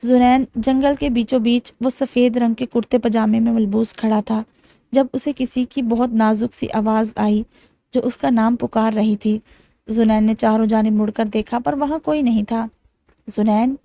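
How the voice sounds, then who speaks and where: A woman narrating a romance novel in a steady storytelling voice. Her pitch sits fairly high but the tone is mellow, and the close mic leaves no room sound. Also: no echo. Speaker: audiobook narrator. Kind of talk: novel reading.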